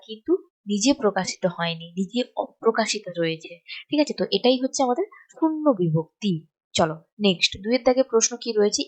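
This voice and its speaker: A woman teacher from West Bengal going through exam questions step by step and often checking that her students follow. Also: medium pitch. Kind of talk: exam-prep lesson.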